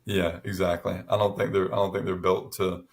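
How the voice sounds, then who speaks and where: A man's voice: sits low, level tone, a little fast. A middle-aged man in casual chat as podcast co-host, telling stories with many restarts and fillers.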